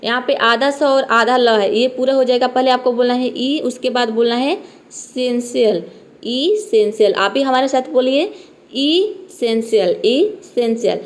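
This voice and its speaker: A woman teaching English vocabulary in a spoken lesson. She spells each word letter by letter, slows down on the English words, and keeps checking in with "theek hai". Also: high-pitched.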